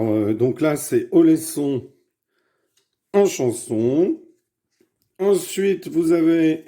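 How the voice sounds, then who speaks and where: A man's voice: a little high, dark tone. A man casually explaining board game rules, hesitant and full of fillers as he sorts cards at a table. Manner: hesitant, many fillers, thinks aloud while sorting cards. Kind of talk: casual how-to demonstration.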